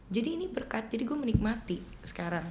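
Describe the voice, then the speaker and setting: A woman's voice: fairly high pitch, big pitch swings, fast, mellow, slight background noise. A young adult woman from East Nusa Tenggara, a singer guest in a casual interview, speaking earnestly and emotionally.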